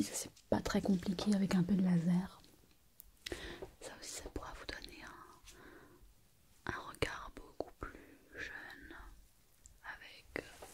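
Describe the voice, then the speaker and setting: A woman playing a calm, attentive surgeon in a whispered role-play, speaking in a soft, breathy, quiet night-time hush with slow, hesitant musing and gentle instructions. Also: medium pitch, close to an everyday voice. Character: calm, attentive surgeon examining a patient's face.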